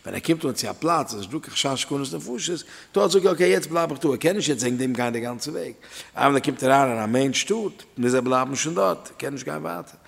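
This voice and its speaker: A man gives a Torah lesson in a rough, gravelly voice. His delivery moves in a sing-song study chant, climbing and dropping for emphasis. The sound carries a long reverb, as if recorded in a hall. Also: mid-range voice, lively intonation, fairly quick. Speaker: Torah teacher. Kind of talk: Talmudic lecture in Yiddish-inflected German.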